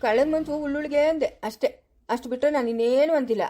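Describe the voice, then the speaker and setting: A woman's voice: sits high, quick pace, dark tone, slight background noise, lightly acted. A woman playing a stern village elder brother-in-law. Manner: scolding and soothing by turns. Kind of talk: amateur family drama acting.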